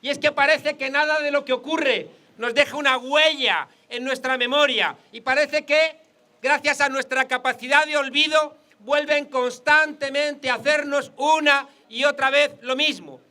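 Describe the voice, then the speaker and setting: A man's voice: very high voice, fairly even intonation, normal speed, bright, forceful tone. A man with a Spain Spanish accent giving a political rally speech outdoors, mixing jokes with rhetorical repetition. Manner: rhetorical, joke-telling, repeats for emphasis.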